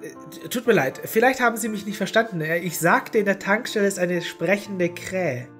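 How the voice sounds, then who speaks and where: A woman narrating a story in an even, deadpan manner. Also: mid-range voice, moderate pace, faint music behind. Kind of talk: audio horror story reading.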